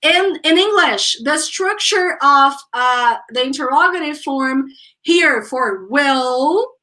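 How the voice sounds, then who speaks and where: High, bright, and forceful, the Brazilian woman's voice comes through a rough recording as she teaches English live online. She mixes English with Portuguese, explains things step by step, checks that students are following, and talks faster during Portuguese explanations.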